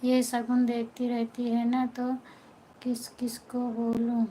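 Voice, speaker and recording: A woman with an Awadhi-tinged Hindi accent chats on a phone live stream in a slightly high voice. She talks in a familiar, easygoing way, greeting viewers by name and reading their comments out as they come in. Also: completely flat delivery, takes it slowly, dark tone, poor audio. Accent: Awadhi-influenced Hindi. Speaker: folk singer hosting a live stream.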